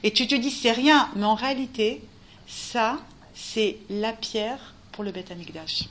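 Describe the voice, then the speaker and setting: A woman giving a spirited religious talk, speaking straight to her listeners and rising at times to loud cries. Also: fairly high pitch, a little slow. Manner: animated, talks to listeners directly, rising to cries. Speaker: Torah teacher.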